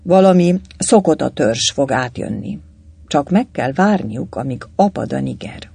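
A man's voice: medium pitch, lively intonation, gravelly, darkish tone, slightly rough, no echo. A man doing a cheerful poet legionnaire. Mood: confiding. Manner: cheerful, chatty. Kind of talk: audiobook character voice.

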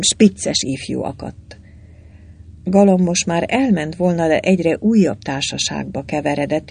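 A man narrating an audiobook with a wry, expressive storytelling manner. His voice is husky and gravelly, and his pitch rises and falls in a lively way. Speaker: audiobook reader.

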